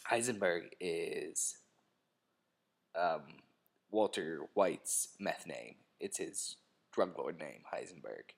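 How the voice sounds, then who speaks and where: A man's voice: sits low, animated, takes it slowly, gravelly, husky. A young man co-hosting a casual commentary chat about a TV episode, joking around and trying out mock impressions. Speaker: podcast co-host.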